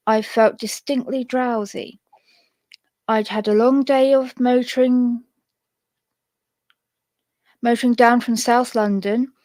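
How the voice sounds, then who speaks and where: A woman storyteller narrating a ghost story in a steady reading voice, with occasional self-mocking asides. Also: fairly high pitch, no room sound.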